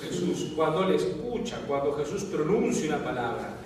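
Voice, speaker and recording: A man's voice: on the high side, very animated, moderate pace, a crowd in the background. A man with a Peruvian Spanish accent, a priest teaching a Bible class, who keeps checking in with his students. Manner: asks the class constant check-in questions. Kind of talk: classroom lecture. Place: classroom or lecture hall. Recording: very echoey hall, voice far from mic.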